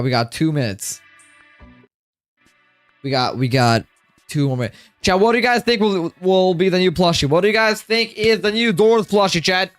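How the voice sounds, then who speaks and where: A man's voice: sits high, dry recording. A tired man livestreaming from home, chatting casually and rambling to his chat, often repeating himself.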